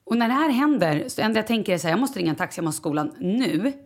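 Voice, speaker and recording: Woman podcasting, chatty and animated, jumps into other people's voices mid-story. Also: medium pitch. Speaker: podcast co-host. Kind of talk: casual chat.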